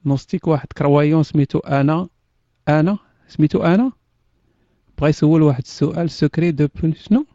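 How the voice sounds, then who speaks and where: A man's voice: on the high side, darkish tone, no room sound. Teasing Moroccan man on lo-fi voice chat. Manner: teasing, laughs often, mixes in French words. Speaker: host of an online voice chat room. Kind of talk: casual chat. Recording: dull, dry lo-fi voice chat audio.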